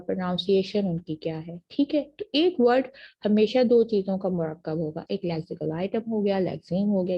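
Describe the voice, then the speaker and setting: Patient woman lecturer with a Pakistani accent. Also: mid-range voice. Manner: patient, repeats checks like "theek hai ji" after each point; reads English definitions slowly and deliberately. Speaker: university lecturer. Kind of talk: classroom lecture mixing Urdu and English. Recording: muffled lo-fi lecture recording.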